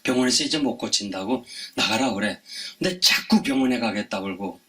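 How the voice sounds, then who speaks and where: A male pastor preaching at a seminar for pastors, telling animated stories and acting out what people said, often calling out to the audience for a response. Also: medium pitch, a little fast. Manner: animated storytelling, acting out quoted dialogue.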